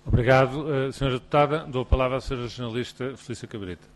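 A man with a European Portuguese accent chairs a parliamentary hearing, giving the floor in a brisk, formal way. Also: medium pitch, fairly even intonation, slight background noise. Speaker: committee chair. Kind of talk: procedural chairing.

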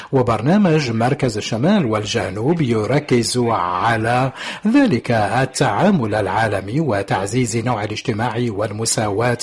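A man giving a live interpretation of a formal speech in a measured, official tone, sometimes cutting off a word and restarting. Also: mid-range voice, husky. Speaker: simultaneous interpreter.

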